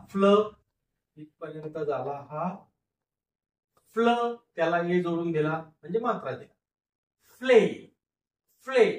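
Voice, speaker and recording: A man leads a phonics class. He sounds out each word piece by piece and repeats it for his students. His voice sits high and carries a roomy echo. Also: recorded from a distance. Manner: slow, repetitive syllable-by-syllable sounding out. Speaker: teacher. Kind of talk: phonics lecture, sounding out words. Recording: echoey room, voice from off the mic.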